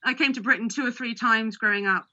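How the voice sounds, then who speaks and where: Chatty woman with a bright voice. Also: on the high side, fast talker, dull audio. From Hawaii. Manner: chatty, laughs often, restarts sentences. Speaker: guest. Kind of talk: casual conversational storytelling.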